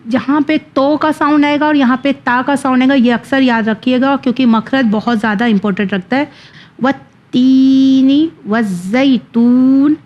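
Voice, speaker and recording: Female Quran teacher, higher voice, drills syllables slowly for children, muffled recording. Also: steady tone. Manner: spells out syllables slowly, then explains quickly. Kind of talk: children's Quran reading lesson.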